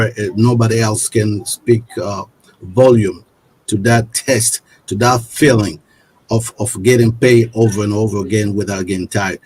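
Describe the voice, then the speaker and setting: A middle-aged man hosting a panel interview, halting and repeating words. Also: mid-range voice, darkish tone, slightly rough. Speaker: host.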